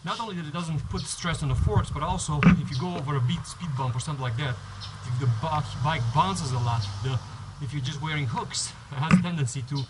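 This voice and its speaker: A man with a slightly high voice speaks fairly quickly, barely pausing, on a very noisy recording. The vlogger is outdoors on a home driveway by a garage, wearing a head-mounted action camera for a casual how-to vlog in which he rambles, restarts sentences, and explains step by step.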